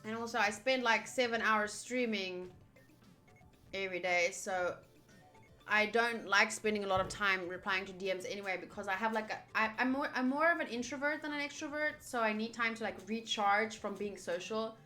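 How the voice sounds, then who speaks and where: At a moderate pace and mid-range pitch, this woman sounds pushed and bright while livestreaming a visual novel. She casually talks with her audience and reads the game's text aloud as she reacts, over game music.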